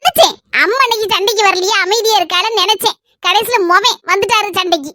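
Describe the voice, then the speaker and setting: A harried housewife, played by a woman, pours out long grumbling rants in a Kanyakumari Tamil accent. Her voice sits very high and bright, and she talks at a quick clip in a dry, close recording. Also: no echo. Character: harried housewife and mother, complaining. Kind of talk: family comedy skit.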